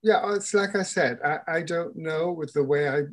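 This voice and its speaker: An elderly woman in her eighties talks frankly and plainly in relaxed conversation. Her voice is husky with some breath in it. She tends to say things twice for emphasis. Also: sits low, moderate pace. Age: 80s. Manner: frank, plainspoken, repeats herself. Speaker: guest. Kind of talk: casual conversation.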